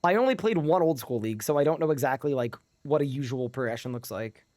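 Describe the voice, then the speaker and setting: A man's voice: mid-range voice, lively intonation, fast, a little mellow, dry recording. A sleep-deprived man streaming a game live, chatting casually and reading his chat aloud.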